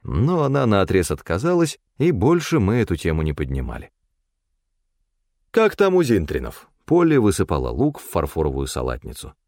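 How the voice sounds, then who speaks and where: Low male voice, lively intonation, wry audiobook narration, dry close sound. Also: a little fast, hardly any pauses, no room sound. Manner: wry, expressive storytelling. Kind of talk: scripted first-person audiobook narration.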